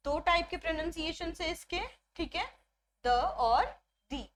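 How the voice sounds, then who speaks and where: A woman teaching an exam-prep English grammar lesson, explaining step by step and often checking with "ठीक है", slowing down on English examples. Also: very high voice, steady tone, fairly bright tone. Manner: mixes Hindi with English phrases, slows down on English examples.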